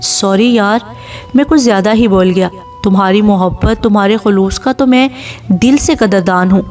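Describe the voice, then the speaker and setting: A woman's voice: mid-range voice, a little mellow, distant mic, soft background music, close to an everyday voice. Woman reading a sheepish apologetic young man.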